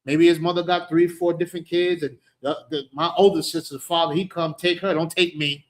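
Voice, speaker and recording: A man with a New York accent leads a street-preaching scripture class, his voice a little high, steady in tone, and fairly quick. He's emphatic and conversational, repeatedly asking "you understand" to make sure his listeners follow.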